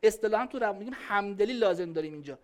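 A woman giving a lively religious lecture on family and parenting to a live audience. She speaks conversationally and answers questions from the audience. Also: medium pitch. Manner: emphatic, conversational, acting out quoted voices.

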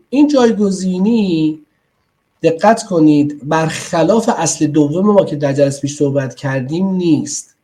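A man's voice: fairly high pitch, dark tone. A man teaching parents in an online class over a computer mic. He explains in a conversational way and often checks in with his listeners. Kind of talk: online lecture.

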